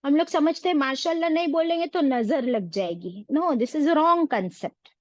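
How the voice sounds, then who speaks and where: A woman's voice: high-pitched, expressive, measured pace, no echo, muffled recording. A woman teaching an online religious class, asking her students questions and mixing in English phrases. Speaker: Quran teacher.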